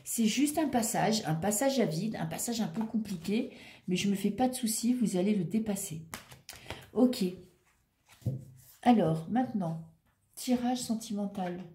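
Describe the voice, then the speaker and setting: Mellow-voiced woman reading tarot. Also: medium pitch, lively intonation, unhurried, long pauses, echoey room, slight background noise. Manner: chatty and reassuring, thinking aloud over cards. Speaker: tarot reader. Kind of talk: casual tarot reading monologue.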